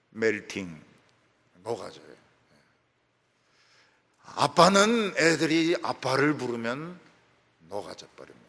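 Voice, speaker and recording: A gravelly-voiced male pastor preaching with a lively, rising-and-falling delivery. His voice swings between loud emphasis and soft trailing ends. The sermon rings out with a long reverb in a church hall. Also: sits high. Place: church sanctuary.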